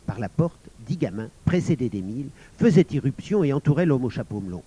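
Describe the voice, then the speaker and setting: A man's voice: medium pitch, big pitch swings, brisk, dark tone. A man reading a children's novel aloud, narrating expressively. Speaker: audiobook reader. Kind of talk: storybook narration.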